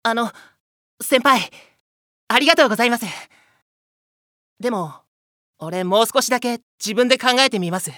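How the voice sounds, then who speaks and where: A man playing a gentle, earnest teenage boy who speaks politely, hesitantly and sincerely to a senior. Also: extremely high pitch, lively intonation, moderate pace, pauses often, dry recording, clean studio sound, exaggerated voice. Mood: earnest, determined.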